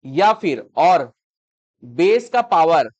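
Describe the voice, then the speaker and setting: Male math teacher, high-pitched, repeats steps, lo-fi classroom audio. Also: big pitch swings, extremely slow, darkish tone, breathy edge. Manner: explains patiently, repeats steps, checks understanding.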